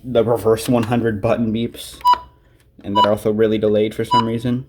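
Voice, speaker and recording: A man with a lowish voice and flat delivery, at a moderate pace, gives an offhand show-and-tell of his radios from his desk at home. He rambles and mutters to himself, and the amateur recording is clearly noisy.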